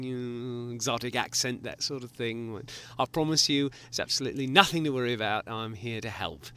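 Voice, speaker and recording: An actor playing a friendly hospital doctor who talks in a chatty, reassuring way with plenty of fillers. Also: male voice, medium pitch, bright, forceful tone, a little hiss or hum. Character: confident, friendly adult male hospital doctor.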